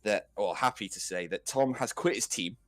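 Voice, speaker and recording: A relaxed male esports host with a lowish voice, rambling casually with plenty of fillers and easy laughter. The recording is close and dry, with no room sound. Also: normal speed, dry recording. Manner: relaxed, chatty, laughs often, filler words.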